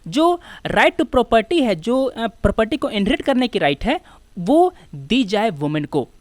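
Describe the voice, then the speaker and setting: Speaking at a measured pace with a highish, very animated voice, this Indian-accented woman teaches exam preparation on a dry recording. Her instructional lecture moves through exam questions, shifting between English and Hindi, and she frequently raises questions only to answer them herself in a teacherly way.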